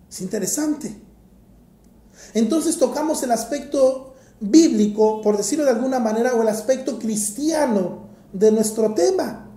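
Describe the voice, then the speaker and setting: Woman preacher, sermon delivery, emphatic and unhurried, fairly high voice, echoey room. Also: mellow. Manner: emphatic, deliberate, rhetorical repetition.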